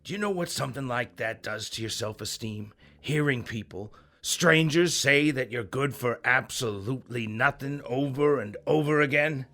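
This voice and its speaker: An actor playing an ancient, brooding horseman of war with a gravelly, raspy voice and an aggrieved, dramatic manner in an audio comedy. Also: mid-range voice, moderate pace, hardly any pauses, pushed and bright. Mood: bitter, wounded. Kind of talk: comedic audio fiction interview.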